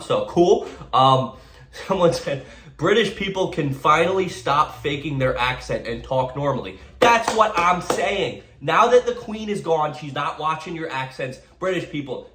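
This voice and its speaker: A man rambles through sarcastic commentary on a run of memes, stumbling over his words and repeating himself as he goes. His voice sits at an ordinary middle pitch. The recording has a noticeable echo, as if made in a bare room. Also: fairly bright tone. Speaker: meme reaction commentator. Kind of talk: casual comedic commentary.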